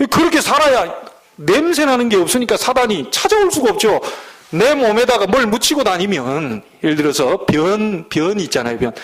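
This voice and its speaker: A middle-aged man from the Jeolla region preaching a sermon as pastor, folksy, with loud emphatic peaks and low asides. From Jeolla, Korea.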